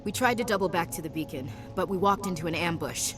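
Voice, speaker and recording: A woman's voice: lowish voice, quick pace, music in the background, natural voice. An actress playing a tough but shaken young female soldier in a video game, reporting in clipped military fashion over a score. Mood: shaken, dutiful.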